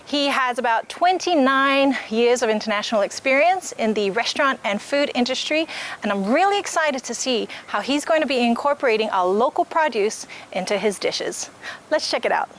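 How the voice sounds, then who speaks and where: Samoan-accented woman presenter, slightly high voice. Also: animated, normal speed, fairly bright tone, a little hiss or hum. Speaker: TV cooking show host. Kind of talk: presenting a food show. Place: outdoors in a hotel garden and open pavilion.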